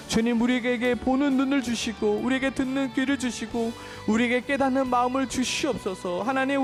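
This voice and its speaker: A man, a pastor, leading a prayer meeting and praying fervently in long, repetitive petitions. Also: extremely high pitch.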